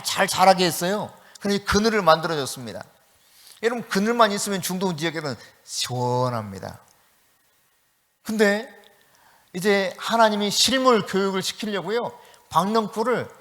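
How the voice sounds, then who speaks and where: A man preaching a sermon as pastor, telling a story in a lively way and acting out the quoted voices. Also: high-pitched, long reverb tail. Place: church sanctuary.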